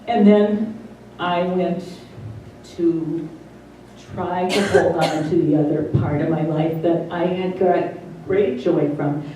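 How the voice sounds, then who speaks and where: A middle-aged woman gives personal testimony as an interviewee, speaking slowly and haltingly with many pauses. Her voice is very mellow, on the low side and fairly even, with careful, over-articulated consonants after voice loss. The muffled recording is roomy, with a distant mic and faint hiss.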